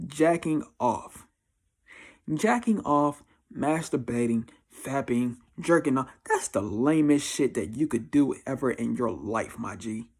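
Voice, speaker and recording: In a mid-range voice with a darkish, slightly rough tone, a man of twenty-four with an American accent vlogs life advice. His casual confessional monologue to camera is slangy, blunt, and emphatic, with phrases frequently repeated.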